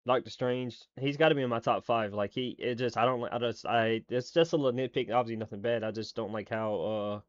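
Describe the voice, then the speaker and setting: A man's voice: mid-range voice, steady tone, brisk, few pauses, no echo. Man streamer, casual reaction talk, rambling with fillers and swearing, dry dull-sounding mic.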